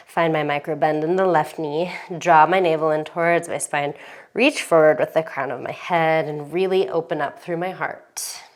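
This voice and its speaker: A young woman leads a yoga flow, cueing each breath in a calm, unhurried way. She sighs now and then and sounds a little winded. Her voice sits low and moves at a slow pace. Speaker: yoga instructor. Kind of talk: guided yoga class cues.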